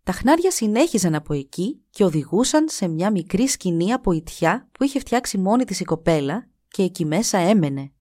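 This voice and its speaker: Woman reading a folk tale, really lively voice, close and dry mic. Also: mid-range voice, few pauses, no echo. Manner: animated, shifts into voices. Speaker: storyteller. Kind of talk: scripted folk tale narration.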